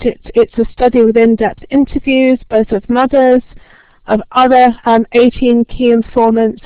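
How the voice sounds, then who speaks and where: A woman who talks quickly, with frequent ums, presents a lecture-style webinar and welcomes a large online audience. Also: a little high, no echo. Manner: fast-talking, friendly, many ums. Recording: tinny phone-line sound, dry.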